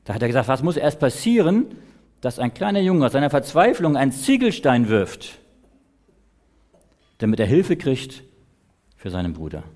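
Lively man telling a children's story. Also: mid-range voice, normal speed, long pauses. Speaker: children's story teller in church service.

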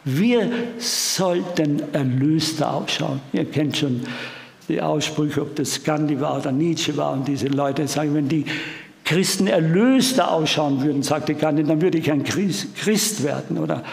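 A man's voice: fairly high pitch, unhurried, vocal fry. A man preaching a sermon emphatically, putting questions straight to his congregation. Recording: roomy hall with long reverb.

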